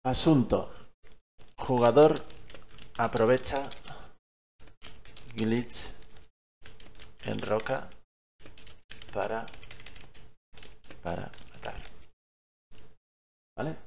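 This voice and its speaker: A man's voice: mid-range voice, drawn-out words, vocal fry, pauses often, darkish tone, slight background noise. A man casually walks viewers through a gaming tutorial, often checking they are following. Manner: chatty, keeps checking in with listeners. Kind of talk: casual screen-recorded tutorial.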